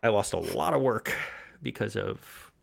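A man chats casually as a podcast co-host. He has a lowish voice and tells an anecdote with energy, slipping into the voices of the people he quotes. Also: measured pace, vocal fry. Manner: animated anecdote telling, acts out quoted voices. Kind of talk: casual storytelling chat.

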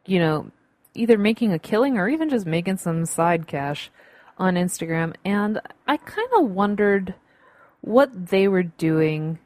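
A woman's voice: mid-range voice, expressive, unhurried, darkish tone, dry recording. A woman hosting a solo podcast, giving casual advice in an upbeat, chatty, emphatic way. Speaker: podcast host. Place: home room with windows open.

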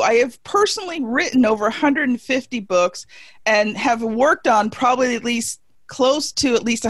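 A woman in her forties with a fairly high voice, talking on a video call in a casual panel chat. She speaks with folksy, emphatic conviction and pokes fun at herself. The sound is dry and close. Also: no echo. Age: 40s. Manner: emphatic, folksy and self-deprecating.

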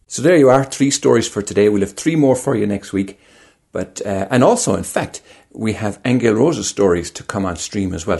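Low, gravelly male host reading stories, husky, close dry mic. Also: darkish tone, no room sound. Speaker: host and storyteller. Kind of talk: reading short stories aloud.

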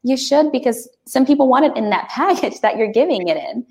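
A woman talking as a guest on a podcast in a lively, casual way, often laughing and restarting her sentences. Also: high voice, a little fast.

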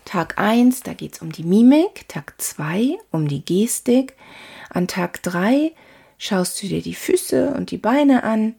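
A woman teaching a calm spoken lesson on body language, talking straight to the listener with frequent tag questions and fillers. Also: mid-range voice, slow, creaky, husky. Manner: calm, talks to the listener directly, many "ne?" tags and fillers.

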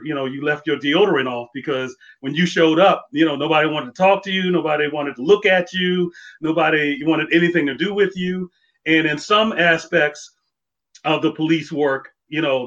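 A man's voice: fairly high pitch, a bit bright, lo-fi sound. A man who used to be a police officer, talking casually and thoughtfully, with many fillers and restarts. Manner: reflective, full of fillers and restarts. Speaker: former police officer guest. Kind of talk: casual conversation.

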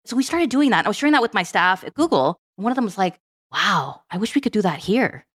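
A middle-aged woman telling stories as a podcast guest, acting out quoted dialogue as she goes. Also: mid-range voice. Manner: fast, animated storytelling with quoted dialogue. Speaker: guest, program management director. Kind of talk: storytelling in a podcast interview.

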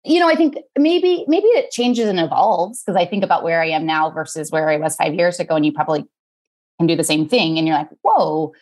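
Low-voiced woman therapist guest. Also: animated, fairly quick, a little mellow. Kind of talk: casual conversational interview.

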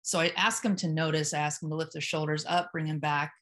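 A hypnotherapist who works at a psych hospital joins a casual interview as a guest. She's from Memphis in the US South, with a naturally low voice and a calm, deliberate, steady delivery.

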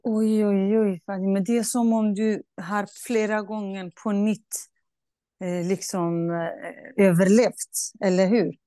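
A woman's voice: mid-range voice, fairly even intonation, dark tone, no room sound, studio quality. A woman interviewing a guest, asking emotional, empathetic questions with frequent restarts. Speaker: host. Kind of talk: conversational interview.

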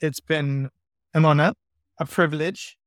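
A woman's voice: sits low, steady tone, a little slow, dry recording, studio quality. A woman co-hosting a podcast, chatting casually in a playful, informal way. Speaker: podcast co-host. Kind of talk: casual chat.

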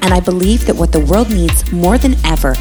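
A woman's voice: lowish voice, expressive, brisk, over music. A woman hosting a podcast, earnest and welcoming as she opens the show. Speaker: podcast host. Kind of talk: scripted intro and interview chat.

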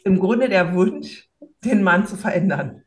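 A woman hosting a podcast and coaching mothers, talking in a relaxed, conversational way. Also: mid-range voice, measured pace. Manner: conversational, affirming listener. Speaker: podcast host and parenting coach.

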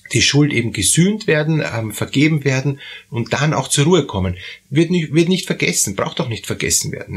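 A man's voice: mid-range voice, vocal fry, husky. A man from Austria with an Austrian accent, explaining guilt feelings in a thoughtful talk, often restarting phrases and checking in with listeners. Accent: Austrian German.

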